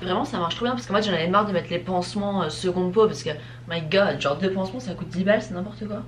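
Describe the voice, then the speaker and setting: Talking fast in a lowish voice, a young woman vlogs casually to camera, using emphatic slang and occasional English phrases. Her handheld camera or phone captures clearly noisy everyday audio.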